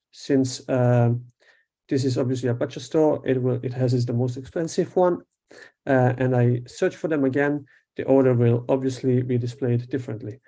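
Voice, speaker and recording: Mellow-voiced man demoing his project. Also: medium pitch. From Italy. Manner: explains step by step with frequent hesitations. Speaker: student developer presenting a project. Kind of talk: live online project demo.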